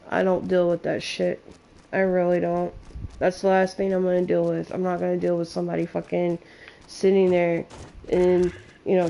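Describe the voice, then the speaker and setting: A woman's voice: lowish voice, vocal fry, mellow. A young woman streamer venting to her viewers in a blunt, profane, emotional way.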